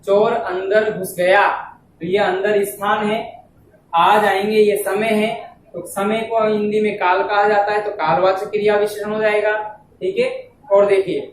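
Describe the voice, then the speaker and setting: High-voiced man teaching in an echoey room. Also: little pitch movement, recorded from a distance, slight background noise. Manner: slow, repeats words and phrases for dictation; keeps saying "ab dhyan dena" to draw attention. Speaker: Hindi grammar teacher. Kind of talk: classroom lesson.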